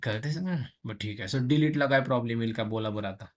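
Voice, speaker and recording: A man teaching programming in a casual classroom lesson, colloquial and chatty, slipping in English phrases and acting out the tables and students in quick asides. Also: mid-range voice.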